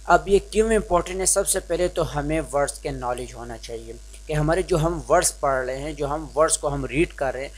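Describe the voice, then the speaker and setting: A man's voice: fairly high pitch, few pauses. A young man from Pakistan giving an informal spoken lesson on reading skills, hesitant and restarting often, slipping into English phrases. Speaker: teacher explaining reading skills.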